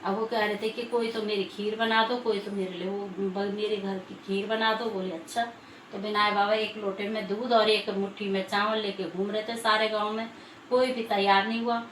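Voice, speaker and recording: A woman's voice: mid-range voice, little pitch movement, moderate pace, fairly bright tone. A woman vlogger telling a religious folk tale in a sing-song, repetitive storytelling manner, recorded from some distance in an echoey room. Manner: sing-song, repetitive folk narration with many "she said" tags. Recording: echoey room, voice far from mic, faint background noise.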